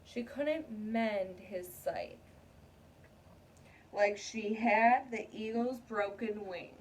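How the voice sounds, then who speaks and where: Very slow and mid-range in pitch, this woman reads aloud to a class of young children, regularly checking in with "okay?" and "right?". Clear background room noise comes through the distant microphone.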